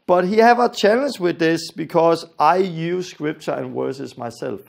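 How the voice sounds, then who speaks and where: Speaking at a measured pace with vocal fry, a man from Denmark gives a Bible lesson in a voice on the high side. Danish is his mother tongue and his accent shows it; his teaching is earnest and emphatic, with key phrases repeated.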